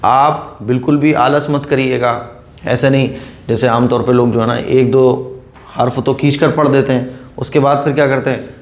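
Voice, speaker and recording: A man's voice: mid-range voice, fairly even intonation. Patient man teaching in an echoey room. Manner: patient, repeats the rule, drills each letter slowly. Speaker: Quran reading teacher. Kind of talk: step-by-step reading lesson.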